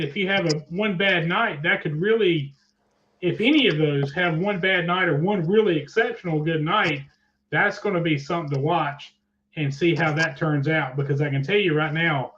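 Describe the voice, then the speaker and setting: A man hosts a relaxed racing interview. His voice sits a little high and he talks in a chatty, folksy way. The audio is dull, with faint noise. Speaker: motorsport interview host. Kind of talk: casual interview, truck and tractor pull talk.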